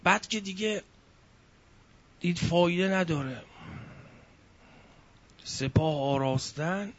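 A man preaching a sermon, telling a religious story with feeling, sighing and crying out between the lines. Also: sits high. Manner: emotive storytelling, sighs and cries out. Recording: dull lo-fi recording.

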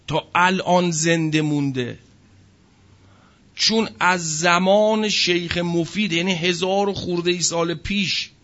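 Male preacher, high voice, forceful rhetorical questions, dull lo-fi recording. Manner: emphatic, full of rhetorical questions. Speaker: religious speaker. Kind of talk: sermon to an audience.

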